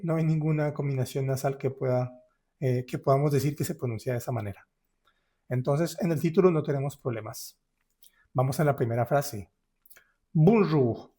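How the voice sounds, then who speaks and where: Man teaching French vowels, slow demonstrations. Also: medium pitch, dark tone, slightly rough. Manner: slow, drawn-out syllable-by-syllable demonstration. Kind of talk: pronunciation lesson.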